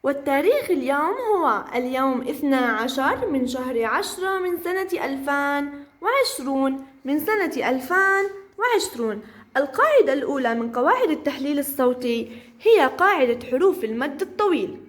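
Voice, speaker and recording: A woman teaching a first-grade phonics lesson, sounding out syllables slowly and playfully, with encouraging praise. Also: sits high, animated. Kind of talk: early-reading phonics lesson.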